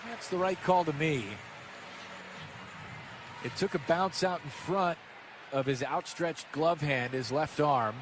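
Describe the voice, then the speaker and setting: An American man calls live baseball play-by-play for radio from a stadium broadcast booth. His voice sits on the high side, and he speaks slowly with frequent pauses. The recording is clear, with ballpark ambience audible behind him.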